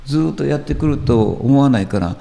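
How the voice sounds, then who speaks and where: Male teacher, gravelly and warm, reflective and unhurried. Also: medium pitch, animated. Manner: musing, unhurried, trails off. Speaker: guest teacher.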